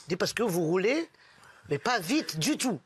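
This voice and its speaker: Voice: mid-range voice, sing-song, moderate pace, husky, dry recording. A person telling jokes casually among friends, switching voices for each character. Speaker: joke teller.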